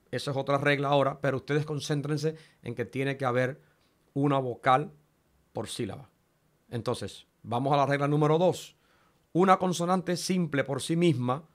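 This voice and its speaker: A man's voice: medium pitch, a bit bright. A man teaching a Greek class in Spanish, explaining rules patiently and sounding out words syllable by syllable. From Cuba. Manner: slow, patient, spells out syllables one by one. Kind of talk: classroom lecture.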